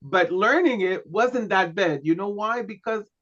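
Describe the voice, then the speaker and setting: A male teacher with a high voice lectures slowly, letting each phrase land, in a relaxed, joking way. A native Hebrew speaker, he keeps repeating "okay" and "right" and drops in joking asides, and the audio sounds dull and muffled, like an online class.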